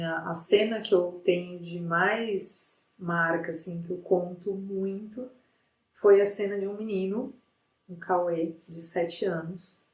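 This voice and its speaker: A middle-aged woman, a psychologist guest, telling a story in a lively way with many restarts. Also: mid-range voice, recorded from a distance. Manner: animated retelling with frequent restarts. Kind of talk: conversational storytelling in an interview. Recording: roomy sound from off the mic.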